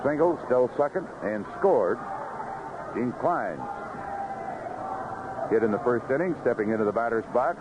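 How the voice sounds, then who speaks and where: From a ballpark broadcast booth outdoors, a man calls the game play-by-play in clipped, chatty phrases, his medium-pitched voice expressive, a little slow, and full of pauses. The audio is a noisy, muffled vintage radio broadcast from the 1970s.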